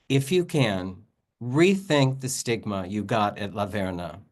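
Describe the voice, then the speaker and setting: Man reading his poetry aloud. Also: on the low side. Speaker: poet reading own work. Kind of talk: poetry reading with casual introductions.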